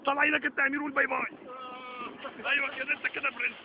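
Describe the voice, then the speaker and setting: A young man with an Egyptian Arabic accent chatting excitedly and calling out to his friends while riding a roller coaster, recorded on a phone outdoors. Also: very high voice, racing, creaky, dull audio, noisy background. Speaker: amateur vlogger filming friends. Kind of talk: casual excited chat with friends. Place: outdoors on an amusement park ride. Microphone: handheld phone.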